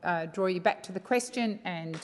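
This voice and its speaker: A woman's voice: lowish voice, normal speed. An Australian woman chairs a formal parliamentary debate with firm authority. She speaks in procedural instructions and often repeats them. Her voice rings with long reverb in a large chamber. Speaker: parliamentary presiding officer.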